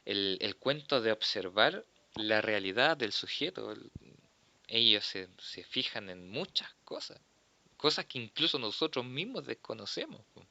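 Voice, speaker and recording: A man with a Chilean accent giving a philosophy class, explaining patiently and tagging his points with quick check-in questions. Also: on the low side, sing-song, gravelly, bright, forceful tone, no echo, lo-fi sound. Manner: explanatory, tags sentences with "¿cierto?". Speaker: philosophy teacher. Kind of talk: classroom lecture.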